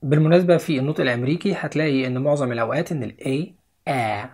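Husky Egyptian man teaching English. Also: medium pitch, very fast, darkish tone. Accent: Egyptian Arabic. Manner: explains step by step, repeats each English word twice. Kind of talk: video lesson.

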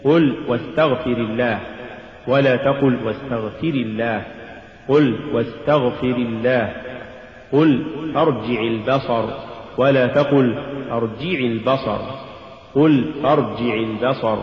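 A man teaching Quran recitation, measured and methodical, contrasting wrong and right readings and chanting short verse examples. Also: mid-range voice. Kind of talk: recitation lesson. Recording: echoey hall, muffled lo-fi.

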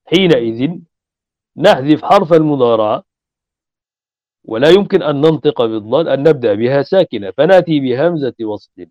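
A man's voice: medium pitch, no echo. A man teaching a lesson, explaining step by step, repeating his examples and asking rhetorical questions. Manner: chants verse lines slowly. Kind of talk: classroom lesson on Arabic morphology. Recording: dull, muffled lo-fi recording.

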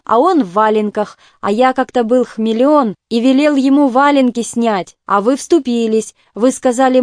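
Woman voicing an insistent, tipsy officer; loud, higher register, dry close sound. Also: no room sound. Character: tipsy, excitable male officer at a feast.

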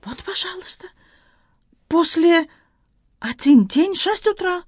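A woman voicing a flustered high Frenchman. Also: animated, slow pace, no echo, studio quality, exaggerated voice. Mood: earnest. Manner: broken grammar, eager, hasty. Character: flustered kind-hearted Frenchman, adult man. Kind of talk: audiobook character voice.

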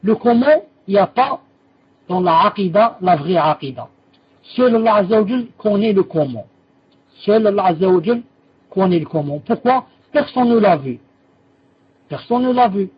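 A man's voice: high voice, animated, moderate pace, husky, lo-fi sound. A man teaching a religious lesson and answering students' questions, patiently repeating key terms and correcting himself as he explains.

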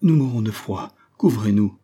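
A man's voice: medium pitch, fairly even intonation, moderate pace, dark tone, slightly rough, voice pushed up. A man voicing starving, half-frozen sailors who speak weakly and shakily. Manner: weak, quavering.

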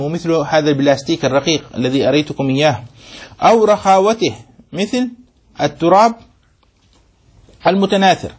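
Man, sheikh teaching a lesson, reads then explains, constant quick check-ins with students, high voice. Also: a little mellow, breathy edge. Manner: keeps checking students follow with quick questions; mixes formal speech with colloquial asides. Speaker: sheikh teaching Islamic jurisprudence. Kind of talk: classroom text commentary lesson.

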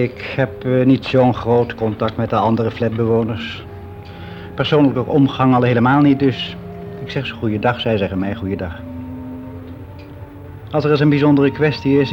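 A natural, mid-range male voice comes through a noisy background on a dull lo-fi radio recording. In this radio play monologue, an actor takes the part of a frank, fussy middle-aged man confiding about his private life. He talks hesitantly and matter-of-factly, in a conversational, self-justifying way, as though an interviewer were questioning him.

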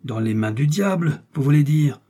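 A man's voice: mid-range voice, lively intonation, moderate pace, dark tone, husky. A man reading aloud voices a haughty English duke in an audiobook, exclaiming in indignant outrage. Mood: angry.

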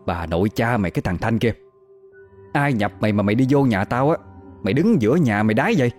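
A man's voice: mid-range voice, very animated, a little fast, a little mellow, soft background music, pitched above the performer's own voice, close to an everyday voice. A man voicing a spiteful old village widow who is secretly a flying-head ghoul, in a scolding tirade.

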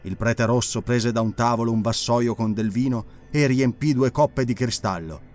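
A male narrator with a mid-pitched voice reads an adventure audiobook in a measured, expressive way. Soft music plays under the reading. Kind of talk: scripted dramatic narration.

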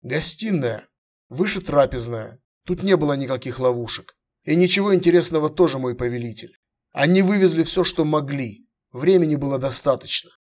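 A man voicing a humble young male warrior who speaks quietly and deferentially. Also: on the high side, lively intonation, normal speed.

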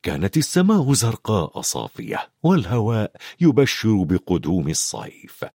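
Expressive male audiobook narrator. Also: on the low side, moderate pace, gravelly, husky, no echo, clean studio sound. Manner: expressive storytelling. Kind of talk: scripted narration.

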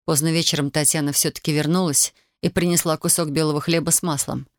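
Steady audiobook narrator, dry close sound. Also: mid-range voice, fast talker, no echo. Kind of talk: scripted narration.

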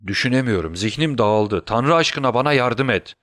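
A man's voice: mid-range voice, lively intonation, moderate pace, a bit bright, no room sound, clean studio sound, close to an everyday voice. A man doing Sherlock Holmes, bedridden and feverish. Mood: faint. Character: sick, feverish male detective, clever.

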